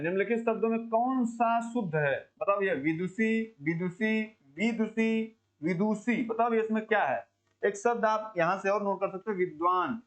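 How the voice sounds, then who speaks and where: High-voiced man drilling Hindi spelling. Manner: quizzing students, repeating words slowly to drill pronunciation; chatty, calls listeners brother. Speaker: Hindi teacher. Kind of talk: exam coaching lesson.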